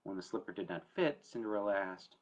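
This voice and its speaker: An estate planning attorney hosts a story time talk, speaking to camera in an informal, educational way. His fairly low voice has lively intonation and moves a little fast, and the recording is muffled. He explains things conversationally, adding emphasis.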